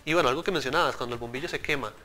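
A Central American man, a product engineer, speaks earnestly in a TV studio interview, explaining things and addressing the host directly. His mid-range voice races along with a sharp tone, picked up by a lapel mic with faint music behind.

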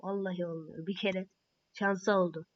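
A woman playing a mobile football game, calling her own plays and reacting with excited and frustrated outbursts. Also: lowish voice, moderate pace, muffled recording, a little hiss or hum.

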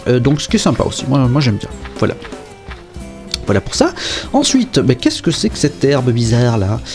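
A man's voice: mid-range voice, wildly swooping pitch, normal speed, darkish tone, soft background music. A man casually commenting on a game as he plays, chatty and hesitant, with many fillers and joking asides. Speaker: game video presenter.

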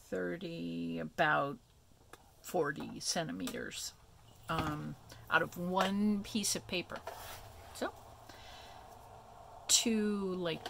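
A woman hosting a craft tutorial, explaining each step in a relaxed, chatty way with many ums and asides. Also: fairly low pitch, vocal fry, background noise. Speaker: craft video host.

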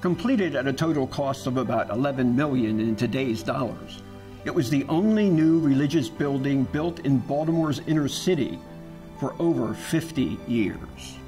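A man's voice: mid-range voice, expressive, moderate pace, darkish tone, soft background music. Man narrating a church history. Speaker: documentary narrator. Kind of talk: scripted narration.

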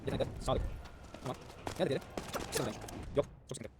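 A young man chatting through a fantasy game, relaxed one moment and shouting at enemies the next. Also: mid-range voice, very fast, noisy background. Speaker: gameplay streamer. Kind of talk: casual gameplay commentary.

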